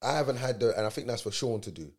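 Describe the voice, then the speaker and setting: A man's voice: mid-range voice, lively intonation, racing. A man in his thirties with an urban London roadman accent, chatting casually in heavy slang as an interview guest. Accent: London, urban street. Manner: slangy, peppered with check-in tags. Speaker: guest, professional footballer. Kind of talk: casual chat.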